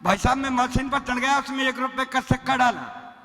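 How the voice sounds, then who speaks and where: A man's voice: extremely high pitch, fairly quick, sharp tone, long reverb tail. A man telling comic stories on stage at a poetry gathering, putting on voices for the people in his tales. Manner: storytelling with quoted voices, rustic dialect. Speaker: comic poet. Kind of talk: stage comedy poetry recitation.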